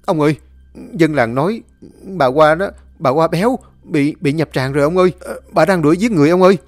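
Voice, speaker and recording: A man voicing a frightened young male servant who talks fast and breathlessly. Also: animated, no room sound, lightly acted. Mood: panicked. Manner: breathless, fast and high-strung. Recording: faint music under the voice. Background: faint background music.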